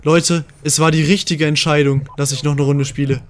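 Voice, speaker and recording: A young man giving live gameplay commentary as a gaming video host, excitable and swinging from mutters to shouts. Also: fairly high pitch, moderate pace.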